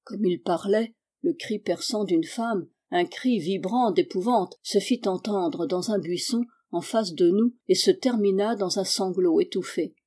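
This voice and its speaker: A woman reading a story aloud as an audiobook narrator, in a measured, even way. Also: medium pitch. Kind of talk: scripted narration.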